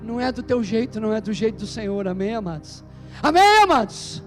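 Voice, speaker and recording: A man's voice: high voice, big pitch swings, a little fast, music in the background. A man pastor preaching an emphatic sermon in a church service, calling out to the congregation.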